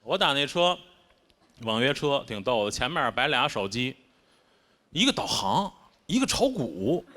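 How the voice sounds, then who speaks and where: Wry Beijing-accented stand-up comedian. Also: male voice. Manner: wry, self-mocking delivery with sharp swings in pitch. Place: stage before a live audience. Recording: constant background noise.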